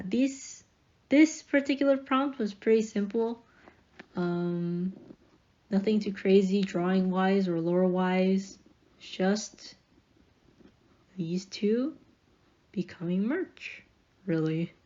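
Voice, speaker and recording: A woman's voice: medium pitch, dark tone, dull audio. A young woman casually narrating a speedpaint voiceover, chatty and rambling, with fillers and light laughs. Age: young adult.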